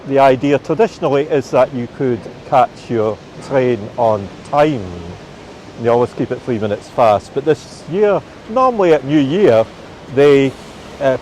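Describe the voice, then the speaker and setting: A Scottish man leads a live walking tour out on a city street. His explanations are informal and come haltingly, at a middling pitch. Faint traffic noise sits behind his voice. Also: a little mellow, rough recording. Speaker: tour guide. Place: outdoors on a rainy city street.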